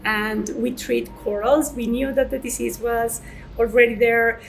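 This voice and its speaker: A woman scientist from Colombia, answering interview questions at an unhurried pace and restarting phrases as she goes. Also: on the high side, steady tone, vocal fry, music in the background, rough recording. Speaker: senior marine scientist.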